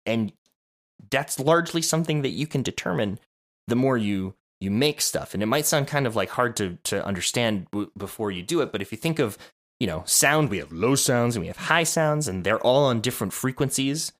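A man's voice: mid-range voice, expressive, normal speed, a bit bright. A man co-hosting a podcast, explaining audio production in casual chat, rambling with many restarts and self-amused asides. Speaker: podcast co-host.

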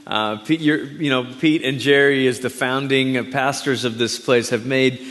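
A guest preacher who grew up in Malaysia opens his sermon in a church sanctuary, warm and conversational, with friendly asides to the congregation. His mid-range voice is steady and unhurried, and long hall reverb rings around it.

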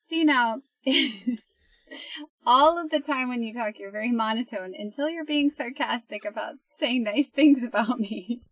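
A woman's voice: fairly high pitch, a little slow, fairly bright tone, no room sound, low-quality recording. A young woman co-hosting a podcast, chatting in a casual, teasing way and laughing often. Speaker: podcast co-host.

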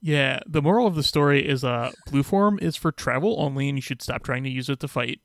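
Gravelly man with wry asides. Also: medium pitch, animated, fairly quick, no room sound, studio quality. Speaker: podcast co-host. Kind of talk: casual chat.

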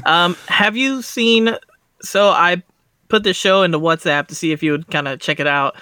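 A man co-hosting a podcast, chatting in an easygoing way with a bright, smooth, fairly high voice. He is recorded on a close, dry mic. He peppers his talk with "like.". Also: normal speed, no echo. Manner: relaxed, easygoing, uses "like" often. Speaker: podcast co-host. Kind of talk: casual chat.

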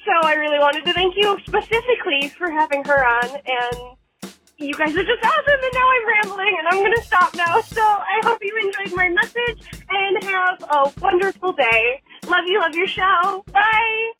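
A woman's voice: extremely high pitch, animated, normal speed, bright, forceful tone, faint music behind, poor audio. A woman leaving a chatty, rambling voicemail message, recorded on a car phone and played back.

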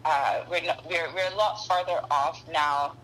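A young woman who grew up in Ghana, a podcast guest speaking thoughtfully with frequent pauses and restarts. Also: low-pitched, fairly even intonation, a bit bright, a little hiss or hum, rough recording. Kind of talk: conversational interview.

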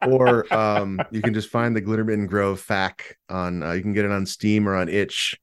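A male podcast host, chatty and quick to laugh as he leads the talk. His voice sits on the low side. The recording is dry and close. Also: little pitch movement, smooth, no echo. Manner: chatty, laughs often, halting restarts. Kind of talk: casual chat.

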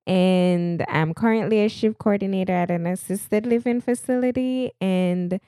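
A woman's voice: medium pitch, moderate pace, mellow, dry recording, studio quality. A woman with a Jamaican accent chatting casually as a podcast co-host. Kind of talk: casual chat, self-introduction.

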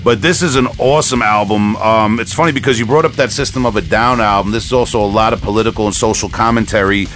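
This male podcast host talks fast with hardly any pauses, his voice on the low side and a bit bright. Music plays behind him as he rambles on excitedly like a fan on his casual music show.

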